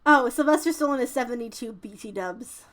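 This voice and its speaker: A woman's voice: on the high side, fairly quick, fairly bright tone. A woman co-hosting a podcast in casual chat, informal and emphatic, sometimes reading out news items. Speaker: podcast co-host.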